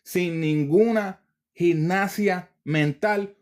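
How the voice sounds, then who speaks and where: Slow, high-voiced preacher. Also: male voice, a little mellow. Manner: slow, deliberate reading with casual asides. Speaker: preacher teaching from the Bible. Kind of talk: Bible teaching, reading verses aloud.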